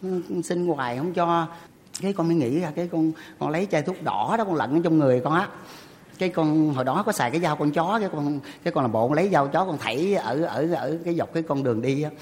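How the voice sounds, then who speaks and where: Middle-aged southern vietnamese guy telling his life stories, polite, acting out voices, kinda high voice, echoey hall. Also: lively intonation, fast, a little mellow. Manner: polite, answers with "dạ". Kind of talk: casual spoken storytelling.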